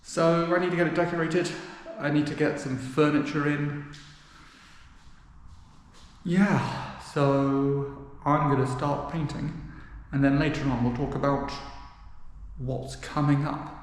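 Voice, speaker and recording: Speaking slowly with frequent pauses, a man vlogs in casual chat to camera. His voice is fairly high with a steady tone, and it echoes heavily through an almost empty indoor room.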